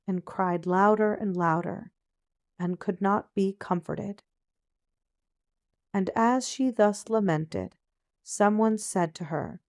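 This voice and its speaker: A woman reads a fairy tale aloud as if opening a storybook. Her pace is slow and measured, her pitch sits in the middle, and the recording is close and dry. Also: a little mellow, no echo. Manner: unhurried, measured phrasing. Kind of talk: gentle scripted fairy-tale narration, storybook opening manner.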